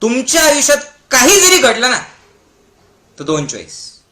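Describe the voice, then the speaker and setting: A man giving a satsang talk in a hall with a live audience. His voice sits high and bright. He has listeners repeat his lines back and draws out the key words. The hall echoes. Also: wildly swooping pitch. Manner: emphatic, drawn-out words. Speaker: spiritual teacher leading a meditation camp talk.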